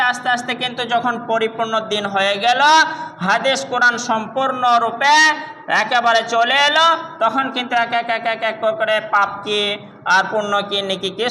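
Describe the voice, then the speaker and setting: High, bright-voiced man preaching in an echoey hall. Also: fairly even intonation, normal speed, a little hiss or hum. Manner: impassioned, repetitive preaching with sung-out phrases. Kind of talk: Friday sermon. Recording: echoey hall, faint ambience.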